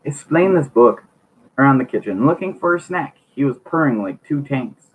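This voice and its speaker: Male amateur reader, mid-pitched, laughs and trips over words, lo-fi phone-line sound. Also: expressive, normal speed, husky. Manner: stumbles and laughs while reading. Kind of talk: casual reading aloud of a teen diary novel. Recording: tinny phone-like lo-fi recording.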